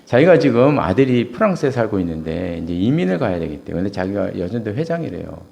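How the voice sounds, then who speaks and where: A middle-aged man preaching a sermon in a church, telling stories and acting out quoted dialogue, rising to loud exclamations and dropping to quiet asides. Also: sing-song, quick pace, gravelly. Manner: swings between loud raised exclamations and quiet low asides; storytelling, acts out quoted dialogue. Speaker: pastor. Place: church sanctuary.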